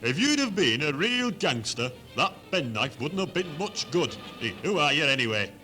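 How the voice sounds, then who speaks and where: In a 1970s hospital radio comedy, a man plays a naive, whiny, dim northern English son of 23 who dreams of fame. His delivery is gormless, plaintive and exclamatory, in a fairly high, sing-song, sharp voice at moderate pace, with faint music behind.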